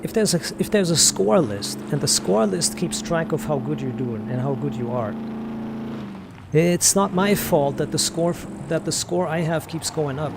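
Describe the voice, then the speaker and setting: A man's voice: on the high side, lively intonation, moderate pace, vocal fry, noisy background. A man streaming a game, ranting casually and defensively, repeating rhetorical questions and swearing. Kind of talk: casual ranting while playing.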